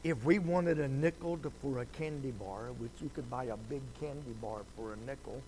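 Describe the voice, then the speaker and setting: A man teaching a Sunday Bible lesson in a slow, conversational preaching style, with dry sarcastic asides. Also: medium pitch, darkish tone, a little hiss or hum, rough recording.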